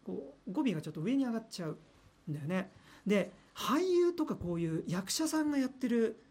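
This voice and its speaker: Give me a husky-voiced male radio host talking fast in a lively, animated way. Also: high voice. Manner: animated, laughs often, imitates voices. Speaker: radio personality. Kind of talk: casual radio chat.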